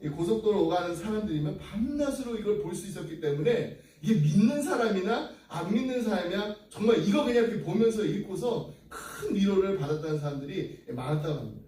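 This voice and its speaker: A pastor with a high voice delivers an earnest sermon. The sound is roomy and a bit distant, picked up from across a church sanctuary. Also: male voice, dark tone. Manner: earnest preaching, closing in prayer. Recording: echoey room, distant mic.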